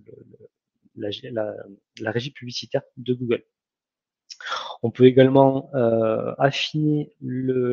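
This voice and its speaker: A man's voice: mid-range voice, gravelly, darkish tone, breathy edge, dry recording, lo-fi sound. A man giving a spoken lesson, hesitant, with many fillers and self-corrections. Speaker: online ads trainer.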